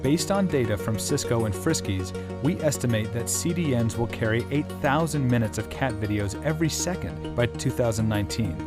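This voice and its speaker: A man's voice: medium pitch, expressive, a little fast, few pauses. A man reading a scripted explainer as its narrator. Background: prominent guitar music.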